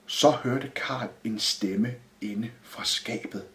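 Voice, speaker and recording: A man reading a children's Christmas story aloud in a lively storytelling manner. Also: mid-range voice. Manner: lively, sing-song storytelling. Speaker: narrator. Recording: roomy echo.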